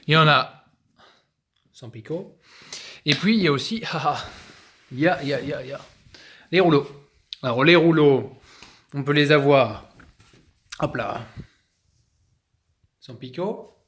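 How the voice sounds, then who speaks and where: A man's voice: on the high side, a little slow, long pauses, fairly bright tone. Chatty man demoing massage tools. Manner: chatty, hesitant, showing objects while talking. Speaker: fitness coach. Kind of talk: casual demonstration video. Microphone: phone camera.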